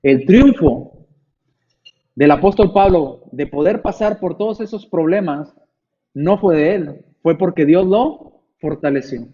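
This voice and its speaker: A high-pitched male preacher in his forties delivers an expressive sermon, his voice rising and falling as he acts out little scenes. The recording from the church sounds dull and lo-fi. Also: measured pace, slightly rough. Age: 40s.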